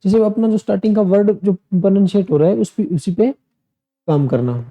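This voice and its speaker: A man's voice: sits high, lively intonation, fairly quick, dull audio. A man teaching pronunciation in a lesson, drilling word lists aloud and asking and answering his own questions. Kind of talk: screen-share lesson.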